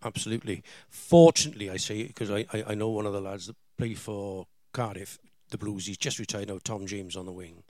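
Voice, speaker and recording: A middle-aged man with a South Wales Valleys accent, chatting candidly in anecdotes, animated and emphatic, often repeating words to drive a point home. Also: fairly low pitch, a little fast, few pauses.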